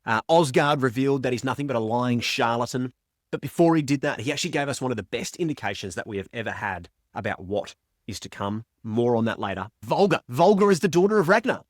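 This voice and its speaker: A man's voice: fast, no echo, studio quality. A man talking casually about a book he is reading, rambling and correcting himself as he goes. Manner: chatty, rambling, self-correcting, animated pitch jumps. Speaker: book reviewer. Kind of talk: casual reading-reaction vlog.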